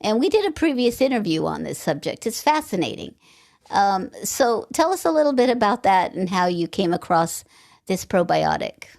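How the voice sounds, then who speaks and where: A woman's voice: medium pitch, very animated, vocal fry, darkish tone. Chatty woman hosting a podcast. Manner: chatty, conversational, with asides and quick laughs. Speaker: podcast host. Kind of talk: casual interview chat.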